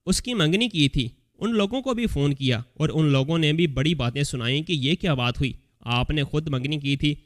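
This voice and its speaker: A man reading a scripted story aloud as a voice-over, telling it in the first person as an elderly mother in a steady storytelling manner. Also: a little high. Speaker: story narrator. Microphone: voice-over recording.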